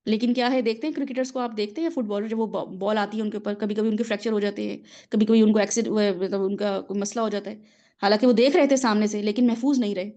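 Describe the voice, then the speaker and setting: A mother who teaches religion speaks at a medium pitch in a steady, warm tone. Her lesson is conversational, with patient explanations, everyday examples, and regular check-ins with those listening.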